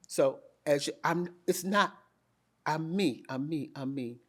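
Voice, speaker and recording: A middle-aged woman, an interview guest, telling her story in a candid, animated way and quoting herself with emphasis. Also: deep voice, slow pace.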